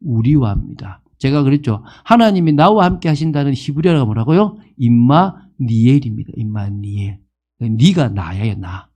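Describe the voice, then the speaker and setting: A man's voice: medium pitch, expressive, moderate pace, warm tone. A man in his fifties preaching a sermon as pastor, asking the congregation questions and acting out the people he quotes. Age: 50s.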